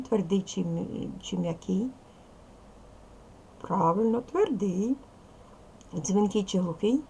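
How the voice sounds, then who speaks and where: A woman's voice: medium pitch, creaky, darkish tone, a little hiss or hum. A woman teaching a primary school language lesson with a Ukrainian accent, patiently prompting young pupils with repeated questions. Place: classroom.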